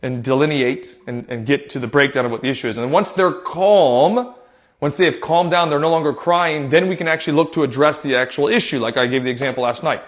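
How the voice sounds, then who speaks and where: Chatty American coach, slightly high voice. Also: male voice, fairly quick. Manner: animated storyteller who acts out his own loud quoted lines; conversational, with many fillers and "right?" tags. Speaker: youth soccer coach. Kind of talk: casual coaching advice talk.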